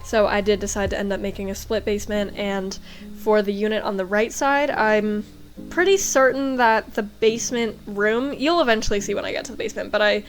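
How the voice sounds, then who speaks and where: Young American woman, easygoing chatty game commentary with soft music under it. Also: medium pitch, a little fast. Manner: chatty, lots of fillers like um and like. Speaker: game vlogger. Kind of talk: casual voice-over commentary.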